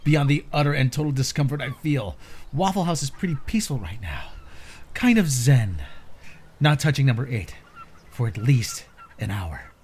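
A man's voice: medium pitch, expressive, normal speed, a little mellow, a little hiss or hum. A man giving an informal, slangy, theatrically exasperated reading of social media posts.

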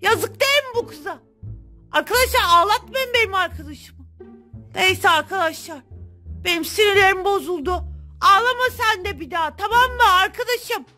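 Very high-pitched, bright woman gamer. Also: normal speed, faint music behind. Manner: chatty and excitable, talking straight to viewers. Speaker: gaming channel host. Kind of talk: casual gameplay commentary.

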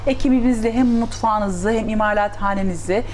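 A woman's voice: mid-range voice, fairly quick, noisy background. A middle-aged woman hosting a TV interview in a restaurant, polite and effusive with her guests. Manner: polite, effusive, frequent "efendim". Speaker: TV show host.

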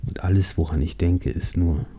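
A man in his thirties narrating his own accident in the first person, halting and dramatic, slipping into hushed whispers. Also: sits low, fairly even intonation.

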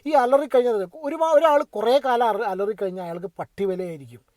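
Guy ranting about a reality show, talks fast, keeps asking viewers what they think. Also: sits high, expressive, darkish tone, no room sound. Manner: chatty, addresses viewers directly, asks for their opinion. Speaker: reality-show commentator vlogger. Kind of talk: casual opinionated commentary.

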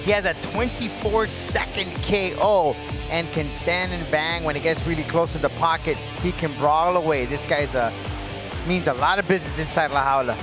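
Male fight analyst with fairly high pitch. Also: moderate pace. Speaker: colour commentator, fight analyst. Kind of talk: live fight analysis commentary. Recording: music under broadcast commentary.

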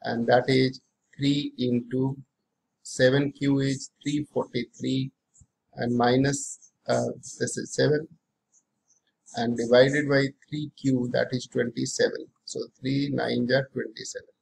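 A man's voice: medium pitch, little pitch movement, unhurried, gravelly, a little mellow, low-quality recording. A middle-aged man with an Indian accent teaching maths, working through problems aloud, often repeating phrases and posing questions to himself.

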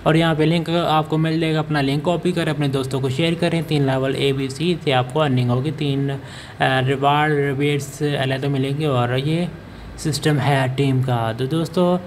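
A man's voice: on the high side, a little hiss or hum. Man narrating a phone screen walkthrough. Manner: explains step by step, many fillers and self-corrections. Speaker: channel host. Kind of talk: screen-recorded app walkthrough. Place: voice-over over phone screen recording.

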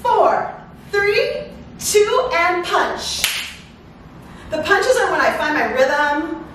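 A middle-aged woman with a very high voice speaks extremely slowly while coaching a workout at home in her living room, an energetic, encouraging aerobics instructor straining as she calls cues and countdowns. A far camera microphone picks her up in an echoey room with faint noise.

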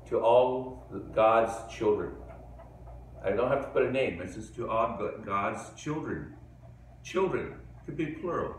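A man hosting a live comedy show in a rambling, digressive stand-up monologue with sudden high outbursts. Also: a bit bright, slight background noise. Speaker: comedian host. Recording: echoey room from far off.

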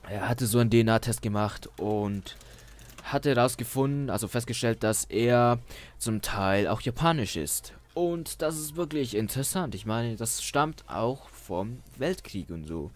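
A young man rambling through casual screen-share commentary, hesitant, with frequent restarts and laughs at his own jokes. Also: medium pitch. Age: young adult. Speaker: YouTuber. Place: small bedroom at a desk. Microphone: headset. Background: faint background music.

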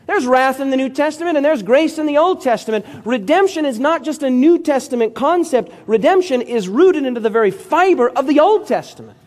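A man's voice: extremely high pitch, animated, fairly quick, hardly any pauses, a little mellow. A male pastor preaching a sermon with emphatic storytelling and calls for amen.

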